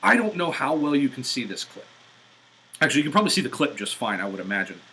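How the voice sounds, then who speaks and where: A man on a live-stream driving rant, swearing and exasperated, his pitch leaping around animatedly. His voice is bright and forceful. He records on a portable device's built-in mic in a car, with faint hiss underneath. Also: big pitch swings, fast talker, low-quality recording. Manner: profane, exasperated ranting. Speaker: vlogger.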